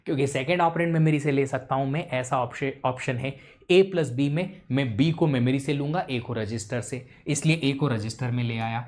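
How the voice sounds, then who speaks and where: एक पुरुष शिक्षक लाइव ऑनलाइन कक्षा में पढ़ा रहा है, छात्रों से बार-बार सवाल पूछता है और हिंदी में अंग्रेज़ी मिलाकर बोलता है।. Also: male voice, medium pitch, moderate pace, a little mellow. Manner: quizzes students, mixes English into Hindi. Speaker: teacher. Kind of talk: live online lecture.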